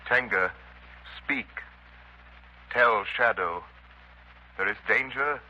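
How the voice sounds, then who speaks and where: An actor playing a mysterious, all-knowing avenger, grave and commanding, with measured theatrical delivery in 1930s radio style. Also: male voice, on the low side, pushed and bright, highs cut off, exaggerated voice. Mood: commanding, questioning.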